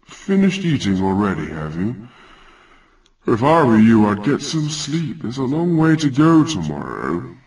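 A man's voice: mid-range voice, sing-song, measured pace, a little mellow, distant mic, rough recording. A man voicing a huge, sleepy male giant who talks in a lazy, offhand, condescending way. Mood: drowsy. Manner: lazy, mumbling, patronizing. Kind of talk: storytelling character voice.

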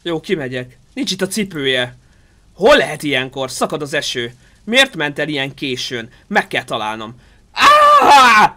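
A man streaming a game live, chatting excitably with his viewers, reacting aloud and thanking supporters. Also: fairly high pitch, slight background noise.

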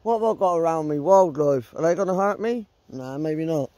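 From a small tent in the woods at night, a middle-aged man with a southern English accent delivers a rambling, blunt and heavily sworn casual vlog on a phone held close. His voice is a little high and mellow, with lively intonation, normal speed and no echo.

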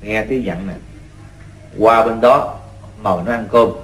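A man's voice: on the low side, measured pace, fairly bright tone. An actor playing a fussy, kind-hearted middle-aged rural father in an old-style radio drama, with a Southern Vietnamese accent and a folksy, exclamatory way of ordering people about. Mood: gently instructing. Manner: folksy, exclamatory, repeats himself when giving orders. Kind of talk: radio drama acting in the manner of an old radio show. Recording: roomy echo with music.

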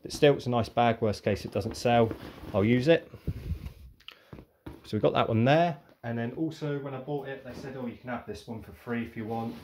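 A young man reviewing car boot sale finds speaks in a medium-pitched, slightly mellow voice, with slight background noise. His vlog is a casual show-and-tell where he rambles and thinks aloud.

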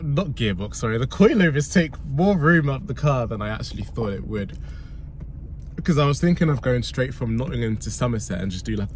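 A man's voice: medium pitch, fairly bright tone, slight background noise. Chatty young man in a car. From England. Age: young adult. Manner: upbeat, chatty, laughs often. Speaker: car vlogger. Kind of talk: casual vlog talk to camera. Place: inside a car, driving. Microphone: phone camera on dashboard.

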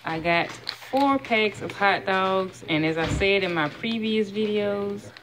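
A vlogger in her thirties chats casually in her home kitchen, showing off a grocery haul item by item and listing prices as she goes. Her mid-range voice is slow, recorded indoors on a phone camera held close, and the audio is very noisy.

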